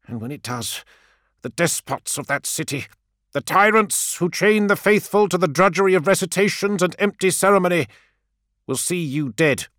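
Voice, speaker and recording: A man's voice: high-pitched, expressive, normal speed, a bit bright, no echo, clean studio sound, pitched above the performer's own voice. A male narrator voicing a zealous older priest who speaks in an impassioned, preaching manner. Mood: fervent. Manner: impassioned, preaching, rising declamation.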